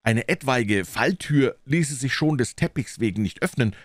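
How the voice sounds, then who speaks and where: A man reading an old detective story aloud in the first person, with expressive delivery. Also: medium pitch, normal speed, dry recording, clean studio sound. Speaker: audiobook reader.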